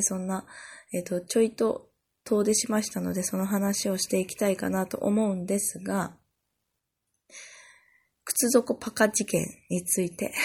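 A woman hosting a podcast, talking casually and amused at herself, her voice hoarse from overuse. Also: lowish voice, a little mellow. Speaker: podcast host. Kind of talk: casual solo podcast chat.

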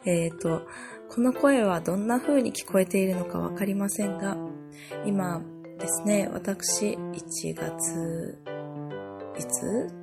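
Hoarse lady doing her podcast, kinda gravelly, chatty and laughing at herself, soft music under it. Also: mid-range voice, slow pace. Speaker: podcast host. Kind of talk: casual solo podcast chat.

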